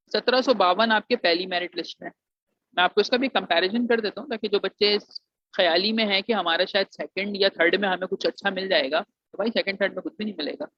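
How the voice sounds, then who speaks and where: A high-pitched man from Pakistan, an engineering alumnus, delivers an informal admission-advice lecture, weaving English phrases into Urdu and calling students "beta." The recording is dry, dull, muffled, and lo-fi, with no room sound.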